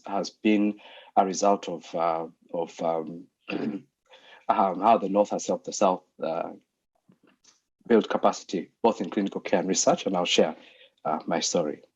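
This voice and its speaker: A Ugandan doctor and lecturer gives an online presentation over a video call, speaking hesitantly with many fillers. His voice is lowish, a little mellow, and slightly rough, and the call audio is muffled.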